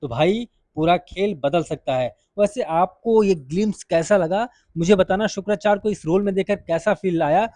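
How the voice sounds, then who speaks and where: A man's voice: high voice, normal speed, few pauses, warm tone, dry recording, studio quality. A man giving a casual, chatty film review to his viewers, calling them brother and friend.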